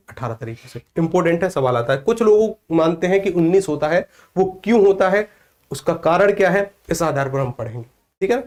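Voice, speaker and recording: A male teacher from northern India leads an exam coaching class in a slightly high voice. He asks the class a question, gives the answer himself, and drills the key point again and again. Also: a little mellow. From Vrindavan area, northern India. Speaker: Hindi teacher.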